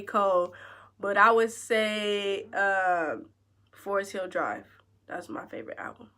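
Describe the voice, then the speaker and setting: A woman, casually answering a list of questions, relaxed and slangy with many ums. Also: medium pitch. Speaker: host.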